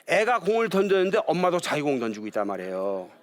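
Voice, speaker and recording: Korean pastor lecturing, lively and questioning. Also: male voice, a little high, quick pace. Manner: lively, asks the audience questions. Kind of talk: lecture to an audience.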